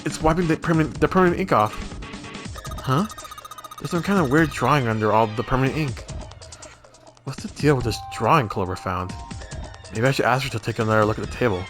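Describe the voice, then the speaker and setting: A man with a mid-pitched voice reads a video game's dialogue and narration aloud as a let's player. He occasionally trips on a line and reads it again. Game music plays clearly behind him. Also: brisk, long pauses.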